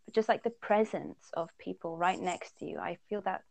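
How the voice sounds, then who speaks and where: A woman's voice: fairly low pitch, fairly even intonation, normal speed, gravelly, no room sound. A woman from the Netherlands co-hosting a casual podcast chat, talking easily, laughing often and thinking aloud with fillers. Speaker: podcast co-host.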